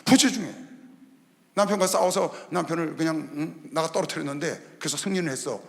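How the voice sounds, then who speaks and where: A man preaching a Sunday sermon as pastor, animated, voicing God and Moses in lower tones. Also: a little fast, vocal fry. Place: large indoor arena hall. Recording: long reverb of a large arena hall.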